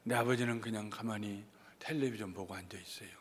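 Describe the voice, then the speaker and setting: A male pastor giving an expository sermon with lively delivery, acting out everyday family scenes. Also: fairly low pitch, brisk, long reverb tail, a little hiss or hum. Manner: animated, acts out everyday scenes.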